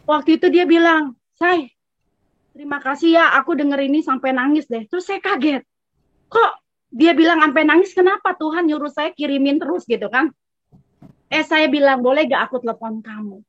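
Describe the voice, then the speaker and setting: Chatty high-voiced woman telling a testimony. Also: moderate pace, fairly bright tone, no room sound, highs cut off. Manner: chatty, acts out both sides of a conversation. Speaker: congregation member giving testimony. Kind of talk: casual storytelling testimony.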